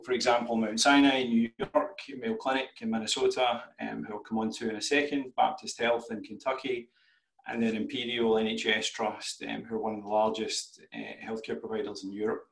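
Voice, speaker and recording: Scottish guy with a really broad accent pitching his company on a video call, bit of fry, roomy sound. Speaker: startup CEO presenting. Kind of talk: business pitch presentation.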